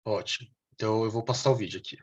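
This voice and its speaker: A man with a Brazilian Portuguese accent presenting a clinical case over a video call, talking hesitantly with many restarts while his audio comes through a choppy, low-quality online stream. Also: very fast, a little mellow, breathy edge. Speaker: case presenter at a medical meeting.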